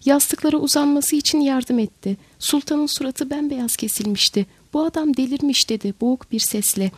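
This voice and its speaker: A woman reading a historical novel aloud as narrator, in steady storytelling. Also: high voice, normal speed, dry recording. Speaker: audiobook narrator. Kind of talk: scripted narration.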